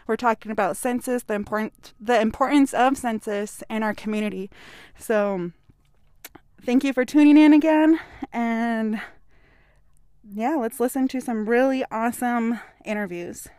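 A woman's voice: fairly high pitch, measured pace, a little mellow, no echo, studio quality. Breathless enthusiastic woman podcast host. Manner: enthusiastic, upbeat. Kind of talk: live on-location podcast intro. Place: outdoors at a community drive-by event.

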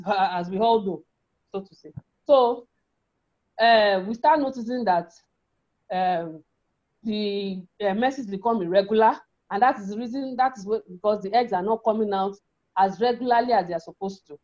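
A woman's voice: a little high, darkish tone. A woman with a feminine voice giving an explanatory health talk as an educator, often repeating and rephrasing her points. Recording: dull, lo-fi sound.

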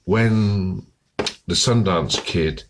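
A hoarse man with a cold, chatting casually and summarizing a book, often losing his thread. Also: low-pitched, very slow, a little hiss or hum. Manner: rambling, loses his thread and restarts. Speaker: book vlogger.

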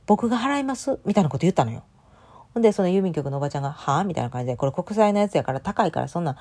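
A woman's voice: deep voice, mellow, breathy edge. A woman in her thirties with a Kansai accent, telling a personal story in a chatty, emotional way with many fillers. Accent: Kansai Japanese. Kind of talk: casual storytelling monologue.

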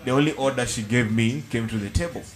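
A man's voice: mid-range voice, quick pace. A man co-hosting a podcast in casual chat, telling stories with many restarts and fillers. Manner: rambling storyteller with many restarts. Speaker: podcast co-host.

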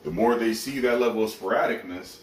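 A man's voice: on the low side, fairly quick, slight background noise, low-quality recording. A podcast host talking alone in a blunt, preachy way, swearing freely while he makes dinner at home. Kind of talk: casual solo monologue. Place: home kitchen, cooking dinner.

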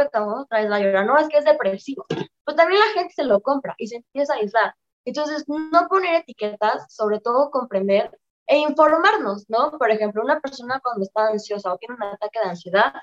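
A woman speaks as an expert guest, calm and explanatory, giving direct advice. Her voice sits fairly high. The sound is dull and lo-fi. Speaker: guest expert on anxiety and depression. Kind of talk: conversational advice in an interview.

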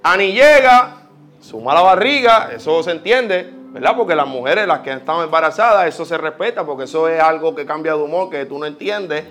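A man with a Puerto Rican accent preaching a sermon, telling personal stories with lively quoted prayers. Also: a little high, a little fast. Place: church.

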